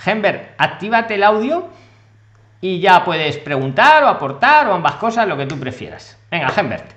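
A man with a Spain Spanish accent hosts a live Q&A and speaks brightly and with lots of pitch movement. He is friendly but brisk and keeps each caller on point. His voice has a roomy echo. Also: very animated, muffled recording. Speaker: host of a live Q&A on immigration law.

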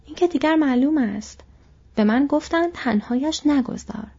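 A woman's voice: high voice, lively intonation, mellow, pitched above the performer's own voice. A woman voicing a loyal, devoted male hobbit servant in an earnest, eager manner, on a dull lo-fi recording.

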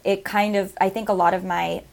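A woman's voice: mid-range voice, flat delivery, moderate pace, creaky. A woman talking as a podcast guest in a casual, reflective way, feeling out her phrases thoughtfully. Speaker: podcast guest, astrologer and author.

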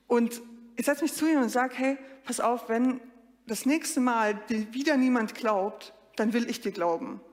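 Preaching at an unhurried pace, she tells stories with energy and keeps turning to speak straight to the congregation. Her voice sits fairly high, echoing with a long reverb through the church hall.

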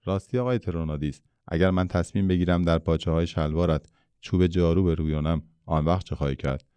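A man voicing a gentle, curious boy in a storybook reading, speaking in an earnest, questioning way. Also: low-pitched, clear, resonant tone, dry recording, lightly acted. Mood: hurt.

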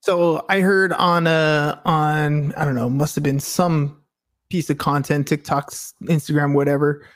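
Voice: medium pitch, flat delivery, measured pace. A speaker in a casual debate who talks hesitantly, asking questions and often restarting sentences. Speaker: conversation partner.

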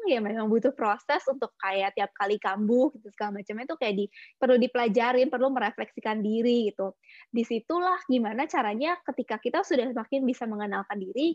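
A woman's voice: fairly high pitch, no room sound. Reflective young woman, dull dry sound. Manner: reflective, mixes English into Indonesian slang. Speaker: guest sharing her experience. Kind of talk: casual chat.

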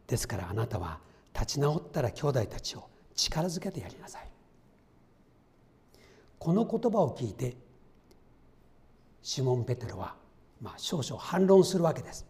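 A middle-aged man preaches in a relaxed, conversational way, often turning to his listeners with questions. His voice sits at an ordinary pitch for a man. It swings up and down freely as he speaks. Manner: lively, conversational, asks the congregation questions. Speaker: pastor. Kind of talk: sermon.

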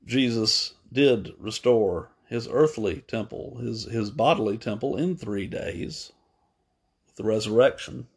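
A male preacher speaks at an ordinary mid-range pitch. He talks his way through a story in an unhurried way, stopping on fillers and fixing his own slips. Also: husky. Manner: unhurried, pausing with fillers and self-corrections. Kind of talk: unscripted sermon retelling.

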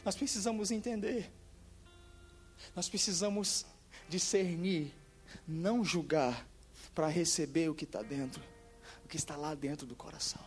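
A man preaching a sermon as pastor, swinging from quiet storytelling to shouted preaching. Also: a little high, unhurried, pauses often, faint music behind. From Brazil.

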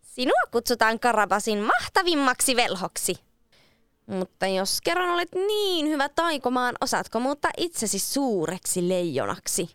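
A woman voicing a clever, bold male cat in boots in a storybook reading, eager and persuasive with a high, lifted voice. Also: sing-song, a bit bright, clean tone, dry recording, clean studio sound. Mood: challenging.

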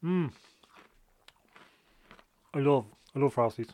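A man's voice: medium pitch, takes it slowly, darkish tone. A man in his thirties reviewing cereal in a casual, rambling chat, swearing now and then and talking while he eats. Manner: chatty, swears, talks while eating.

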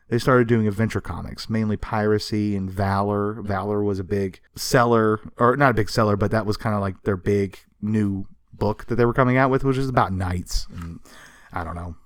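A podcast co-host with a lowish voice tells comics history casually and emphatically, with a sarcastic streak and the occasional swear word. The recording is clean studio sound with no echo.

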